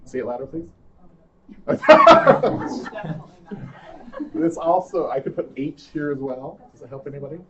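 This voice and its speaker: In a distant, muffled, very noisy room recording, a man presents at a seminar, playfully quizzing his audience in an interactive lecture. His mid-range voice is steady and fast, with hardly any pauses.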